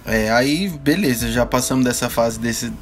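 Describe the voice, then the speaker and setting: A man's voice: mid-range voice, moderate pace, crowd noise. A man with a Brazilian Portuguese accent chatting casually and informally, using plenty of slang. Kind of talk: casual chat.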